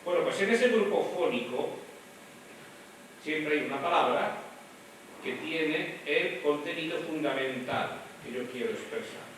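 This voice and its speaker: A man gives a lively, demonstrative voice lesson, talking straight to the class. He is picked up across a very echoey room. A steady hiss of noise sits under his voice. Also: a little high, unhurried. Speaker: voice teacher. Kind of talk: classroom lecture. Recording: echoey room, mic from far off, noisy.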